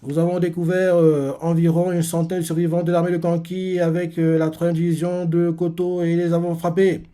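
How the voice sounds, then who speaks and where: A man's voice: on the high side, little pitch movement, fairly quick, warm tone, voice pushed up, lightly acted. A man voicing a male soldier delivering a battle report in a manga, in a raised, formal reporting tone with fillers. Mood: urgent.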